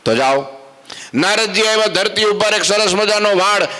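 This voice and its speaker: A man telling a humorous story-sermon to children at a temple assembly, animated and joking. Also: high voice, moderate pace.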